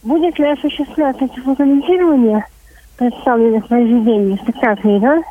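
A woman's high voice comes through a narrow, tinny landline telephone line as she calls in to a radio show. She asks politely and tentatively, hedging her questions. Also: brisk. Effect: heard over a landline phone line. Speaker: caller to a radio phone-in. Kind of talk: phone-in question to a studio panel.

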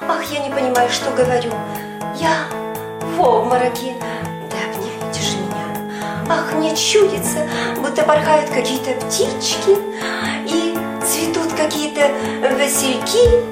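A woman's voice: sits high, animated, a little slow, pitched above the performer's own voice. A woman voicing a languid, melodramatic actress who swoons and sighs theatrically. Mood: swooning. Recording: echoey room with music behind.

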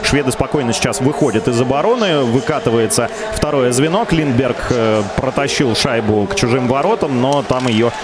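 A man giving live radio play-by-play of hockey in a measured, descriptive, detailed way. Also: medium pitch, a loud crowd.

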